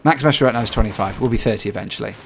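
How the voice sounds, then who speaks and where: A man's voice: on the low side, racing, gravelly, noisy background. A man streaming a game, chatting casually and reacting aloud to his teammates. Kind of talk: casual gameplay commentary.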